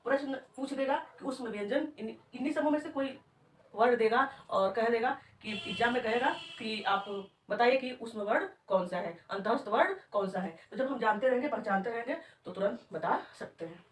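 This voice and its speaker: A woman's voice: on the high side, normal speed, a little hiss or hum. A woman teaching a grammar lesson, saying each sound aloud and asking and answering her own questions. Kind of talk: classroom-style grammar lesson. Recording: echoey room, voice from a distance.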